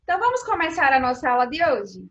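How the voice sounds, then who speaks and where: Brazilian woman, Brazilian Portuguese accent, primary school teacher, high voice, patient, drawn-out words, recorded online lesson. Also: very animated, a bit bright, dull audio. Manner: patient, stretches key words, asks pupils questions.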